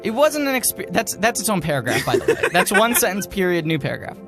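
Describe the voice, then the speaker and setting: Over music, a man co-hosting a podcast reads aloud in a mock-serious, dramatic style, then breaks off into casual, amused asides. His voice is high-pitched, very animated, and fast.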